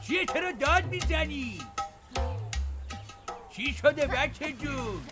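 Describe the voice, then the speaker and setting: An actor playing an older village uncle who questions a child and gives orders. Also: male voice, very high-pitched, lively intonation. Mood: suspicious. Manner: questioning, commanding. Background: music.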